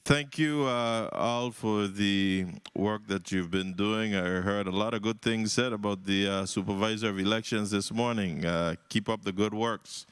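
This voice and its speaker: A man's voice: on the low side, normal speed, hardly any pauses, clean tone, no room sound. A man with a Virgin Islands accent, speaking as a senator at a legislative hearing in an informal, jovial, conversational way. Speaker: senator questioning at a budget hearing. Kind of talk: semi-formal remarks at a legislative hearing.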